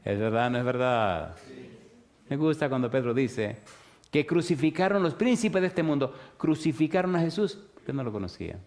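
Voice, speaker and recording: A man with a Dominican accent preaching a sermon. He keeps asking his listeners yes-or-no questions and moves between loud, emphatic lines and quiet, hushed ones. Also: mid-range voice, lively intonation, moderate pace. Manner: asks the audience rhetorical yes-or-no questions, swings from loud to hushed.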